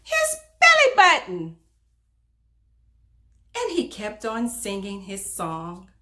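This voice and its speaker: With a mid-range voice and a slow pace, a woman hosts a children's story reading, emphatic and expressive as she speaks right to the kids listening.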